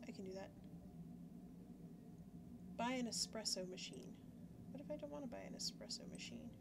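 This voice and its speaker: A young woman's fairly high voice swings hugely in pitch at a moderate pace, with vocal fry. As a gaming YouTuber playing at home beneath a corner webcam, she thinks aloud and mocks herself casually, while loud background noise runs through the recording.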